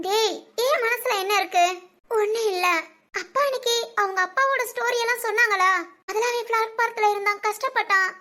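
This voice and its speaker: Cartoon voice: woman playing a weepy, hesitant teen girl, very high-pitched and squeaky. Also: pushed and bright. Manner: tearful, hesitant, stammering. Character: anxious teenage girl, confused by love. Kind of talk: cartoon voice acting.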